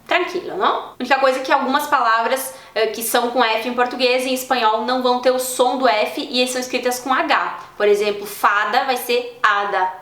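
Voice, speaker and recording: A Brazilian woman teaching an online lesson, her voice a little high as she explains patiently and repeats example words slowly. The room around her is echoey. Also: steady tone, fairly bright tone. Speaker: Spanish teacher.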